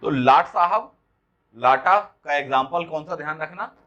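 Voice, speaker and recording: A man delivers an exam-prep lecture in a fairly high, bright voice. He explains patiently, often checks that students follow, and draws out example lines slowly. The recording is dull and lo-fi. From India. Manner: explanatory, checks understanding with questions. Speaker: teacher.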